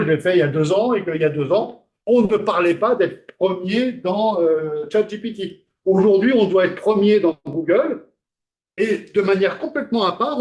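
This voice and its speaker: A lecturer teaching a class, his voice pitched high for a man. He keeps it conversational, firing questions at the room and leaning on filler sounds between ideas. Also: a little mellow.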